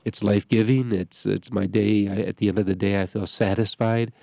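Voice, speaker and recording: A man's voice: fairly low pitch, fairly even intonation, a little fast, vocal fry, dark tone, dry recording, studio quality. A congested man, a pastor hosting a radio show, talking in a rambling way that keeps breaking off and restarting. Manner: rambling, self-interrupting. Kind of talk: casual radio chat. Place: radio studio.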